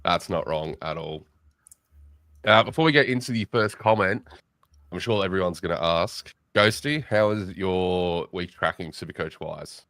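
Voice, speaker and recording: A young Australian podcast host runs a casual late-night fantasy football chat, excitable and full of jokes and banter with his guests. His low-pitched voice moves at normal speed, recorded cleanly in a studio with no echo.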